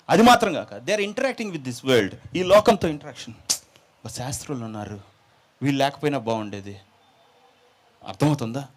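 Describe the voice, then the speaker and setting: A male preacher tells a story with humor and acts out its characters. His voice sits fairly high and rises and falls a great deal. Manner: animated, acts out dialogue, jokes with listeners.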